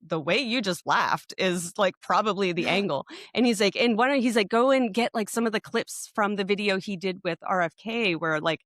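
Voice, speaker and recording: A woman's voice: medium pitch, moderate pace, hardly any pauses, fairly bright tone, no room sound, clean studio sound. A woman, co-hosting a podcast, telling a story in a rambling way full of restarts and fillers. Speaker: podcast co-host. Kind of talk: casual podcast chat.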